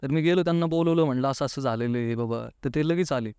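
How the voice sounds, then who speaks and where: Smooth-voiced man telling a personal story. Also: mid-range voice, fast talker, a little mellow, no echo. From Pune, India. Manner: talkative, keeps adding the filler "नाही का"; often acts out quoted dialogue. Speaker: guest recounting a personal experience. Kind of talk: casual interview storytelling.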